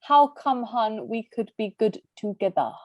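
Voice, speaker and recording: This woman co-hosts a podcast and, in casual chat, reads out messages bluntly with plenty of laughter and swearing; she's half Greek and half English, and Greek is her first language. Her voice is a little high and darkish, very animated yet at a measured pace. There's no room sound, though the recording quality is low.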